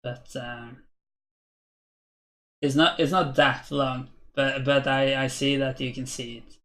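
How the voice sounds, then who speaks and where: A Norwegian man in his twenties streams chess and answers viewers in casual live commentary, hesitating and thinking aloud as he reads chat. His Norwegian-accented voice is medium-pitched, fairly even in intonation, slow, pushed and bright.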